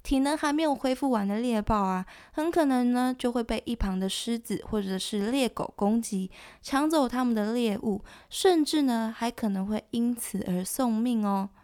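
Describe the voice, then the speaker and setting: A woman giving scripted nature documentary narration as a presenter, explaining things in a conversational way with soft sentence particles. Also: a little high, moderate pace, few pauses. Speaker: presenter of an animal education show.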